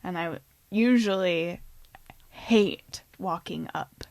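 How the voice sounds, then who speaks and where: A woman's voice: fairly low pitch, slow pace, vocal fry, dry recording. A young woman co-hosting a podcast, joking at her own expense while she tells casual stories. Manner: jokey, self-mocking, animated storyteller. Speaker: podcast co-host, acting teacher.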